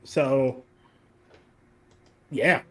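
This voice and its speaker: A podcast host talks in a medium-pitched, steady voice at a very slow pace. In this casual chat he's blunt, swears freely, and lectures in long stretches to make his point.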